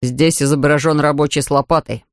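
A man's voice: a little high, brisk, dry recording, voice pushed down, natural voice. A man voicing a stern, weary male police officer in an audiobook, with a dry, official manner of speaking. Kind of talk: audiobook character voice.

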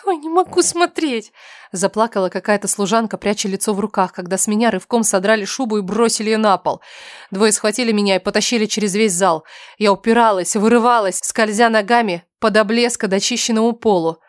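A woman reading a first-person story aloud with a tense, emotional and often softened delivery. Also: mid-range voice, fairly even intonation, brisk, no echo, studio quality. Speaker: audiobook narrator.

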